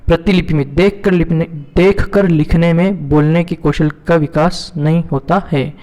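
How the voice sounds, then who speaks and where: A man's voice: fairly high pitch, steady tone, normal speed, dark tone. A male teacher going through multiple-choice exam questions, repeating each question and then answering it himself. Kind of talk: exam-prep lesson, reading out and explaining multiple-choice questions. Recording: hall reverb.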